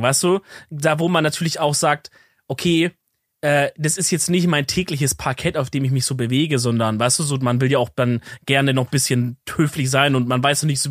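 A young man co-hosting a podcast who talks casually and thinks out loud in slangy German. His voice sits at an average pitch, and the recording is dry with no room sound. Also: dry recording. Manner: slangy, reacting, thinking aloud. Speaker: podcast co-host. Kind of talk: casual chat.

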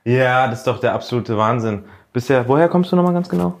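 A man's voice: mid-range voice, expressive, fast talker, vocal fry. A young man co-hosting a podcast, playfully teasing his partner and stretching out words as he explains the rules. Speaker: podcast co-host. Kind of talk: casual chat.

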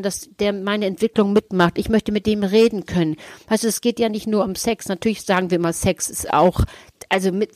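A woman's voice: mid-range voice, a little mellow, no echo. A woman therapist co-hosting a casual talk podcast, explaining with lots of rhetorical questions. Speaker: therapist and co-host.

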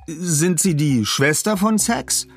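A man voicing a flustered teen boy, raised pitch, husky. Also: expressive, slow, dry recording, soft background music, full character voice. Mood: startled. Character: startled teenage boy detective.

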